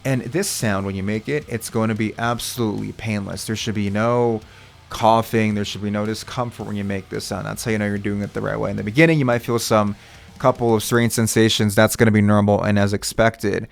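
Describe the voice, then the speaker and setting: A man's voice: fairly low pitch, fairly even intonation, a little fast, creaky. A man working as a vocal coach, explaining technique step by step in a reassuring, instructional way. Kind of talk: instructional video talk.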